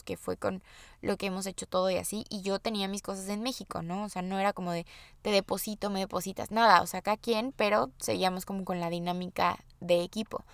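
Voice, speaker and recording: A woman's voice: mid-range voice, vocal fry, fairly bright tone, dry recording. Chatty Mexican woman, dry close sound. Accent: Mexican Spanish. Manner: chatty, confiding, acts out her own quoted lines. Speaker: podcast host. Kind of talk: casual personal monologue.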